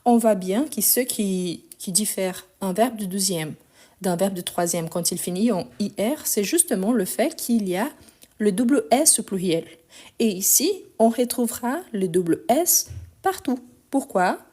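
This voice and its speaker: Woman teacher going thru verb endings step by step on her phone, voice a bit weak, warm mellow tone. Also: medium pitch, animated, unhurried, breathy edge. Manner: patient, explaining step by step, spelling out endings letter by letter. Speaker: French teacher. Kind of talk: live online grammar lesson.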